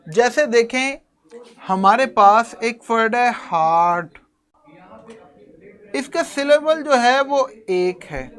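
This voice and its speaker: Speaking in a very high, expressive, slightly bright and clean voice, a man teaches his class an English grammar lesson slowly and with frequent pauses. He explains each step, addresses his students fondly, and chuckles from time to time.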